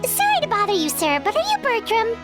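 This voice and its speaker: Squeaky, excitable little fairy companion. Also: female voice, brisk, full character voice. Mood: polite, inquiring. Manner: refers to herself in third person. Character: small chirpy childlike fairy companion, nosy and opinionated. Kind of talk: anime video game voice acting. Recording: music behind the voice.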